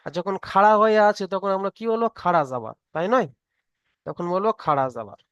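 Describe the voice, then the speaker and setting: A man leads an online reading lesson, patiently repeating each point and asking whether everyone has understood. His voice sits high and sounds clear. The sound is dry and close to the mic. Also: big pitch swings, a little fast, a bit bright, no echo, muffled recording. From Bengal. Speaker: Quran reading teacher. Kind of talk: online tutoring class.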